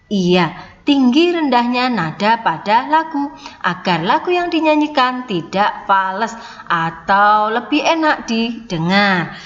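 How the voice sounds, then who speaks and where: A woman's voice: on the high side, fairly bright tone, in a large hall, dull audio. A woman teaching a class of young children online, explaining patiently and often saying "nah" and "ya". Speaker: primary school teacher.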